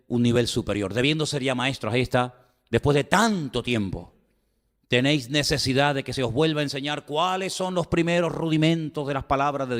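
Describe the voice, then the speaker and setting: Spanish pastor preaching in an echoing hall. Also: male voice, mid-range voice. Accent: Spain Spanish. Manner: emphatic, repeats phrases, asks the congregation rhetorical questions. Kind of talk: sermon.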